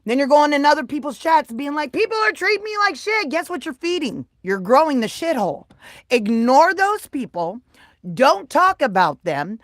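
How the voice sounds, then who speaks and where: High-voiced, excitable woman streamer. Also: normal speed, dry recording, studio quality. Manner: chatty, swings from soft mutters to loud excited bursts, swears freely. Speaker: live streamer chatting with viewers. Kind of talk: casual live-stream chat.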